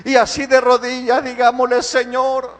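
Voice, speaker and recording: A man's voice: very high voice, completely flat delivery, normal speed, fairly bright tone. A man pastor leading a congregation in fervent prayer, repeating calls and swelling and dropping his volume. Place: church sanctuary. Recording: long hall reverb.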